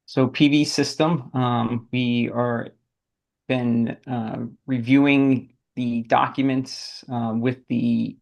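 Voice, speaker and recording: Guy w a gravelly voice giving a building project update on a video call, lots of uhs. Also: medium pitch, level tone, darkish tone, dull audio. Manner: halting, with many fillers. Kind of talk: meeting report.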